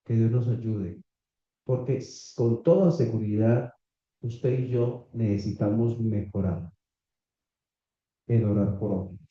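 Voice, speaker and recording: A man preaching a sermon to a congregation, reading scripture slowly and asking the listeners questions. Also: on the low side, mellow. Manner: slow, deliberate preaching with rhetorical questions to the congregation. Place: small church meeting room. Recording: echoey, slightly dull church recording.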